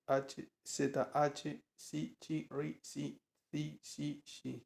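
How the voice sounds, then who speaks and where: A man reading a nonfiction audiobook aloud in a measured, careful narration. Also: medium pitch, vocal fry, mellow.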